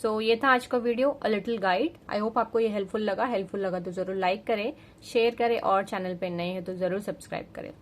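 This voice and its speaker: A woman hosting a parenting channel, patiently explaining spelling lessons in a mix of Hindi and English. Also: medium pitch. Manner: slow, patient teacherly explaining.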